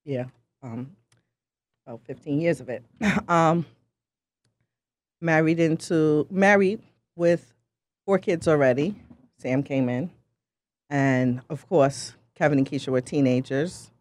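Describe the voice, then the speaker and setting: A woman's voice: deep voice, takes it slowly, long pauses, darkish tone. A woman co-hosting a casual talk show, laid-back and teasing. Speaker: co-host. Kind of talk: casual chat.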